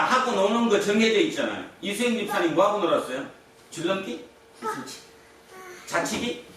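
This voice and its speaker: A man's voice: sits high, fairly bright tone, slight background noise. A male pastor preaching a Sunday sermon in a conversational way, often putting questions to the congregation. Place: church sanctuary. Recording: echoey hall from far off.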